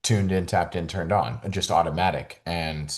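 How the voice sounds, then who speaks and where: A man who works as a holistic fitness coach, chatting as a podcast guest in a loose, rambling way full of "like" and "you know", and livening up when he gets excited. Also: low-pitched, normal speed. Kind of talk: casual conversational interview.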